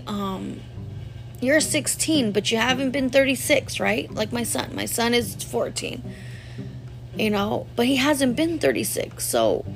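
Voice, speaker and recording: A gravelly, medium-pitched woman in her thirties tells a personal story straight to camera. As a vlogger, she speaks to her viewers directly, candid and rambling, with plenty of "like" fillers.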